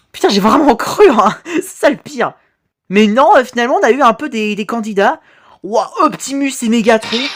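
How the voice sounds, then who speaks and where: A woman talking as an excited anime fan in a casual, sweary reaction commentary, gushing with slangy exclamations. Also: a little high. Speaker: reaction video host.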